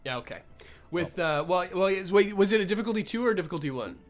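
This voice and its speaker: Male tabletop player, high-pitched, casual, stammering, self-deprecating, sweary, music behind. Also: expressive, fast. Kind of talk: casual improvised game chat.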